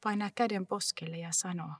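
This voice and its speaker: Husky woman performing a hushed monologue. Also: fairly low pitch, fairly even intonation, dry recording. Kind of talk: dramatic first-person monologue.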